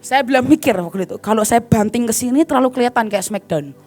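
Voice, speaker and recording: A woman evangelist preaching a storytelling sermon, animated and acting out the people in her stories while addressing the congregation. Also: fairly high pitch, fast, soft background music. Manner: animated, acts out quoted voices, addresses the congregation as "saudara".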